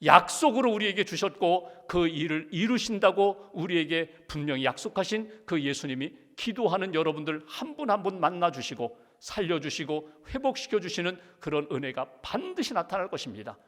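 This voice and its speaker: High-voiced pastor preaching in a hall. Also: male voice, animated, moderate pace, few pauses, a bit bright. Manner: earnest preaching, sometimes pleading in prayer. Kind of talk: sermon. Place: large church sanctuary. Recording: church hall reverb.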